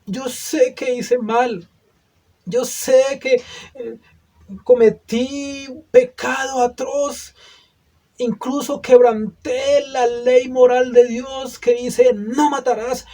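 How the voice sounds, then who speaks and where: A man's voice: very high voice, little pitch movement, slow, warm tone, distant mic, full character voice. A man doing a remorseful killer pleading. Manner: pleading, tearful. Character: remorseful male murderer begging a judge.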